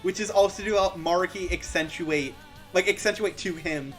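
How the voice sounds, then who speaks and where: A woman's voice: lowish voice, soft background music. A woman leading a casual debate chat, reading out points and keeping things moving. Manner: brisk, moves things along.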